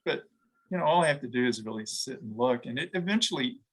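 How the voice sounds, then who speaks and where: A middle-aged man, a guest in an interview, talking reflectively with frequent pauses, fillers and restarts. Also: medium pitch, animated, breathy edge, low-quality recording. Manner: halting, thoughtful, many restarts and fillers. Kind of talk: reflective conversation.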